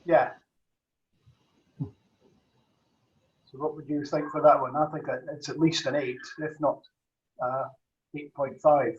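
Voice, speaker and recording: A man, a cheese judge, thinks aloud and weighs each word in casual tasting commentary. His voice sits a little high and sounds far from the mic, in an echoey room, through dull, muffled audio. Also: little pitch movement, takes it slowly, long pauses, slight background noise. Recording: distant, roomy, dull video-call audio.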